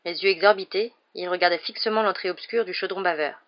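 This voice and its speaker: A woman narrating a storybook in a calm, even reading manner. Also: on the low side, fast, muffled recording. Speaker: audiobook narrator. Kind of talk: scripted narration.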